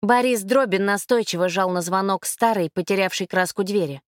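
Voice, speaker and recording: A woman narrating a crime novel chapter in an even, steady storytelling voice, recorded dry. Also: medium pitch, normal speed, dry recording. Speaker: audiobook narrator.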